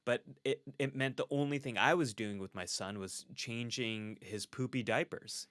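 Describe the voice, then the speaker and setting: A man's voice: medium pitch, normal speed, a bit bright, no room sound, clean studio sound. A man, a clinical psychologist, telling a personal story in a candid interview. He speaks earnestly and reflectively, and laughs often between thoughts. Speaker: clinical psychologist, podcast guest.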